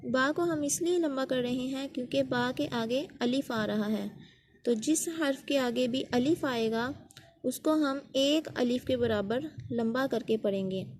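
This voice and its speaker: Slow, high-voiced woman teaching recitation. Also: darkish tone, a little hiss or hum. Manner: slow, careful, repeats sounds as models for learners. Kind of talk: patient step-by-step pronunciation lesson.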